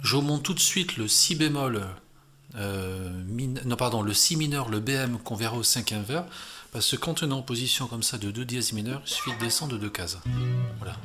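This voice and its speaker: A man's voice: mid-range voice, normal speed, sharp tone. A man with a French accent teaching a beginner guitar lesson, explaining chords step by step and counting beats aloud.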